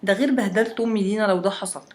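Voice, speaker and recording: A woman's voice: medium pitch, racing, lightly acted. A woman voicing a wry, chatty young Egyptian woman from Alexandria who tells a friend about winter.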